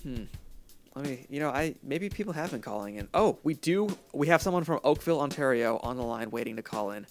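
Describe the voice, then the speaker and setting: Deadpan American podcast co-host, man. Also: mid-range voice, fairly quick, faint music behind. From United States. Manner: deadpan, mock-apologetic, playful. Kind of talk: casual podcast banter.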